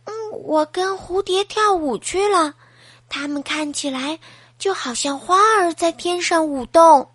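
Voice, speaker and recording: A woman voicing a small, cheerful boy hedgehog who loves to dance, in a gentle, musing way for a children's storybook. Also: extremely high pitch, a little slow, no room sound, voice pushed up. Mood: dreamy.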